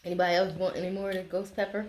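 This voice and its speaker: Fast-talking woman hosting a casual taste test. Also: fairly low pitch, flat delivery, a little mellow. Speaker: host of a family food taste test. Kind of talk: casual chat to camera and companions.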